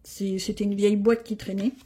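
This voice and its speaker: Chatty female crafts host: grumbly, self-deprecating, a warm husky voice. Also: medium pitch, flat delivery, a little fast. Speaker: coloring channel host. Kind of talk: casual chat showing her coloring pages.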